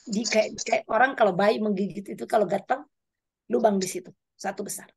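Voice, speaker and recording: A middle-aged woman speaking at a women's prayer meeting, giving a lively spoken testimony sermon, her pitch rising and falling as she tells her story. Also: brisk, gravelly, slight background noise. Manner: animated storytelling, pitch swinging up and down.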